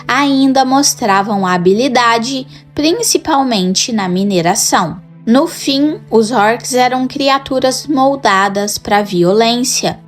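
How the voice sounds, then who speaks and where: A lore channel host with a Brazilian Portuguese accent narrates a scripted lore piece in a slightly high voice. She goes slowly, delivering each line in a measured, dramatic way over faint background music.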